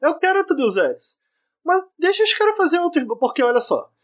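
A man's voice: very high-pitched, sing-song, brisk. Slangy, emphatic Brazilian Portuguese man chatting. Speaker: podcast co-host. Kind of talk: casual opinionated chat.

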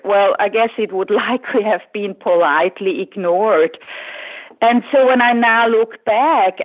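Swiss woman, measured and reflective. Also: mid-range voice, phone-quality sound. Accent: Swiss German. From German-speaking Switzerland. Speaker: guest author and speaker. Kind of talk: interview answer.

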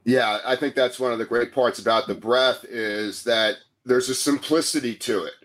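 A medium-pitched man hosts an interview and, as a coach, guides listeners through a breathing exercise. He speaks calmly, soothingly and in a measured way.

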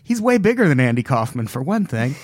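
Man, middle pitch, dry close sound, casual swearing podcast storyteller. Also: brisk, dry recording. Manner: swearing, animated storytelling with quoted voices. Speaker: podcast co-host. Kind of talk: casual chat.

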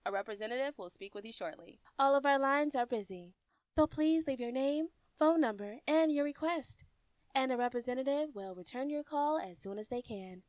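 A woman's voice: high voice, no room sound. Polite woman reading phone menu prompts. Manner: polite, even, measured. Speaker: automated phone system voice.

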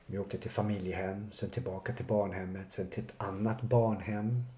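A man telling his life story in an interview, halting and reflective with many pauses. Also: fairly low pitch, level tone, mellow. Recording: echoey room with faint noise.

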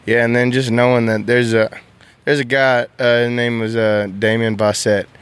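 A young man from Texas, a bull rider, talking candidly and emotionally in halting, soft-spoken sentences. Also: mid-range voice, flat delivery, clear, resonant tone, no echo. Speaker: professional bull rider, guest. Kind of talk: candid interview chat.

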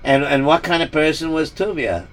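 A man's voice: a little high, moderate pace. A man, a rabbi, trading an improvised story with a partner in a playful way.

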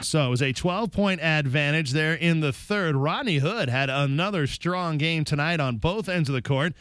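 A man's voice: a little high, normal speed, a bit bright, slight background noise. A man hosting a sports broadcast, narrating a recap of a game. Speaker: sports radio host.

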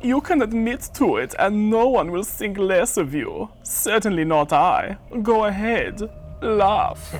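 A woman voicing a menacing, smooth male Nazi colonel in a fake Russian-style accent, with a silky, taunting manner. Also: mid-range voice, very animated, slow pace, a little hiss or hum, voice pushed up. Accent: put-on Russian-style accent.

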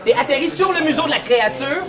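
A young man with a Quebec French accent, narrating a live tabletop game as game master in a lively, laughing way. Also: extremely high pitch, quick pace, a crowd in the background. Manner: lively, animated storytelling, laughing often. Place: large hall before a live audience. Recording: distant mic, roomy hall, audience laughter.

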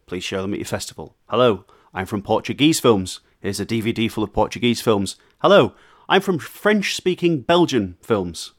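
A man with a fairly low voice, co-hosting a relaxed podcast conversation. He talks with animated emphasis, repeating himself as he builds a point, and his pitch leaps up when he gets worked up. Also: normal speed. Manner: animated, emphatic, frequent restarts. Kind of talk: casual chat.

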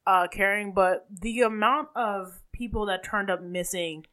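A woman's voice: medium pitch, unhurried, sharp tone. A woman with a Caribbean accent co-hosting a casual true-crime chat, talking in a hesitant, self-correcting way. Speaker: podcast co-host.

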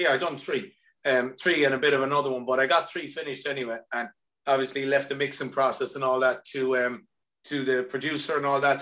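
A man's voice: a little high, a bit bright. A man with a west of Ireland accent chatting casually in an upbeat, rambling way as a musician guest. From County Mayo, west of Ireland. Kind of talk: casual chat. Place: remote video call.

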